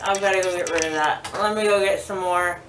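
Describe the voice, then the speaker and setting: A woman's voice: lowish voice, fairly even intonation, brisk. A woman rambling casually to camera as a vlogger, groggy and loopy from anesthesia, with a numb, sore mouth. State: numb, sore mouth after dental surgery. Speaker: vlogger giving a makeup tutorial. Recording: roomy, distant mic, faint noise.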